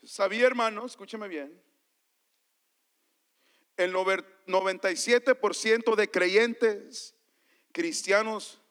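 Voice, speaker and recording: A man preaching a sermon as a pastor, switching between Spanish and English and calling out to the congregation, quiet one moment and shouting the next. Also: high-pitched. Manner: swings from quiet to loud, shouting at peaks. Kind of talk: bilingual sermon. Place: church.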